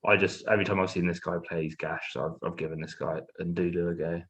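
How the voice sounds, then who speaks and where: A man chatting as a guest on a podcast, relaxed and slangy in his talk. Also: low-pitched, fast. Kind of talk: casual podcast chat.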